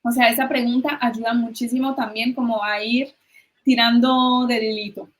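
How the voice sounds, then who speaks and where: A woman's voice: on the high side, little pitch movement, normal speed. A woman guest expert explaining ideas in a conversational interview, with hesitant restarts.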